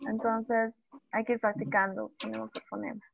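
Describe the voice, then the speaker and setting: A woman teacher giving an online language lesson, who sounds out speech sounds slowly and repeats examples. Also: on the high side, level tone, vocal fry, slight background noise. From Bolivia. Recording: dull dry lo-fi audio.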